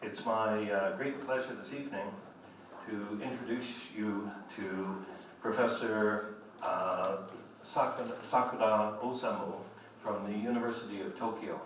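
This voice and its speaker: A man hosting an evening lecture, giving a formal but loose introduction in a halting manner with repeated phrases. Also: on the low side, steady tone. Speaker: host introducing a guest speaker. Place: large echoey indoor room at a public lecture. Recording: echoey hall, distant mic, faint noise.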